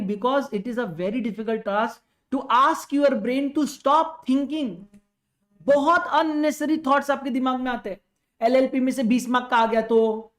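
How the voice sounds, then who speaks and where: A young man teaching an online exam-prep lecture, giving direct, fatherly advice to students and switching between Hindi and English. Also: extremely high pitch. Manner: mixes Hindi and English, calls students "beta".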